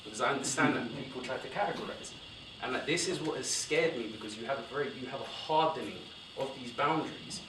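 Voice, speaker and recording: A young adult man, born in Somalia and raised in West London, speaks on a university panel in a quick, discursive, animated manner with few pauses, circling back and correcting himself as he goes. His mid-range voice is picked up by a distant mic across a roomy lecture hall, with a steady hiss of noise underneath.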